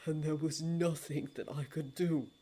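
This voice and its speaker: A woman reading the part of a solemn immortal male lord of dreams, in a grave, formal, hushed manner. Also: low-pitched, steady tone, measured pace, husky, pitched below the performer's own voice. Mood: anguished.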